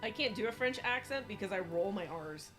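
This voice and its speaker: A woman's voice: medium pitch, lively intonation, a little fast, a bit bright. A young woman co-hosting a gaming stream, chatting casually, swearing freely and often restarting her sentences. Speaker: streamer co-host. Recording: faint game music behind.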